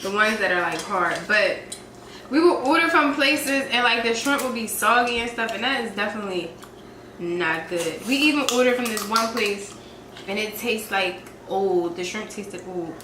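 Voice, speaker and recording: A woman's voice: medium pitch, lively intonation, moderate pace, far from the mic. A young woman co-hosting a casual food vlog, chatting while eating, full of filler words. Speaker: vlog co-host. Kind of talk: casual mukbang chat. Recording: echoey room with clear background noise.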